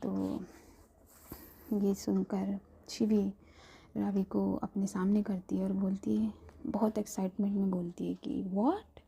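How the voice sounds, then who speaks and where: A woman storyteller narrating a love story in a soft whispered storytelling voice with casual asides. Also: mid-range voice, flat delivery, a little slow, gravelly, pauses often, breathy edge.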